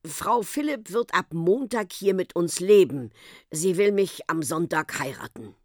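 A woman's voice: fairly low pitch, lively intonation, unhurried, darkish tone, dry recording, studio quality. A woman voicing an awkward middle-aged uncle who speaks formally in a storybook reading.

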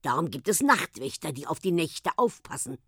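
A woman voicing a dreamy young male poet who speaks in calm, whimsical musings. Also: low-pitched, moderate pace, breathy edge, no echo, studio quality, heavily acted. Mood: explaining.

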